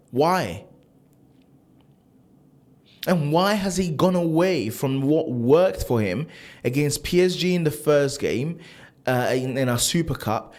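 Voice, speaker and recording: A man born and raised in Italy, a football fan vlogger, ranting in a casual, animated and frustrated way, full of restarts and rhetorical questions. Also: a little high. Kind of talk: casual opinion rant to camera.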